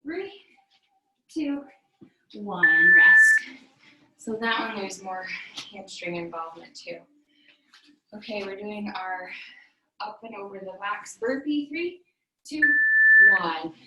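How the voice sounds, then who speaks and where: A woman fitness instructor leading a virtual workout, counting down reps and cueing form while she exercises in a small room. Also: mid-range voice. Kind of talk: coaching a virtual workout class. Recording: roomy echo, mic at a distance, faint noise.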